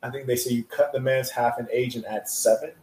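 A man hosting a loose chat show, slangy and playful, often breaking into laughter. His voice sits at an ordinary middle pitch, and the room around him rings with echo. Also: steady tone, brisk, darkish tone. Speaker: podcast host. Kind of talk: casual chat. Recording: echoey room.

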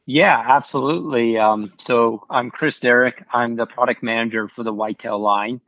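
A man's voice: mid-range voice, moderate pace, dry recording. A man from the Southeastern United States, an easygoing podcast guest talking casually over a computer call. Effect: heard over a computer call. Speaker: podcast guest, gear product manager. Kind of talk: casual interview chat. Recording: dull lo-fi computer call audio, dry.

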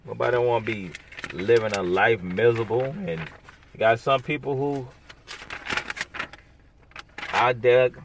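A man's voice: medium pitch, steady tone, measured pace, long pauses, a little hiss or hum. A man hosting a solo podcast, rambling in a casual, sarcastic, blunt way full of slang. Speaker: podcast host.

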